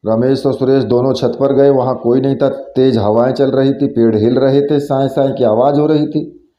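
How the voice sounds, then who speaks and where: A man's voice: mid-range voice, fairly even intonation, normal speed. Man narrating a horror story, roomy sound. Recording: roomy, dull lo-fi recording.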